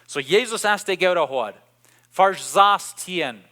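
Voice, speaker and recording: High-voiced, slow-speaking male preacher. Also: lively intonation, sharp tone. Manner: emphatic, repeats key phrases; mixes languages mid-sentence. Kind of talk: sermon.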